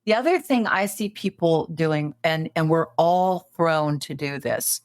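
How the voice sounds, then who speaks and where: As a podcast guest, a woman in her late fifties talks through coaching advice in a low-pitched, unhurried voice, animated and conversational, with frequent fillers and restarts. The audio is clean studio sound with no room sound.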